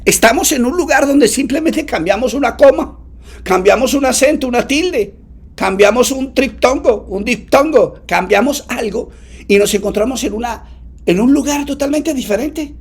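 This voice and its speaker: A man's voice: very high-pitched, lively intonation, moderate pace, slightly rough. A man, preaching a sermon to his congregation. He leans hard on words for emphasis, talks fondly to his listeners and has them repeat lines after him. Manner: affectionate asides to the congregation. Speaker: pastor.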